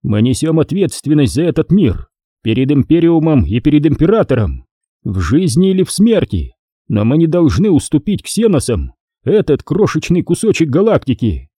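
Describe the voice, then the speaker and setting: A man's voice: fairly high pitch, very animated, normal speed, dark tone, slightly rough, no echo, studio quality, voice pushed up. Man reading as a stern blunt general. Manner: blunt, commanding orders.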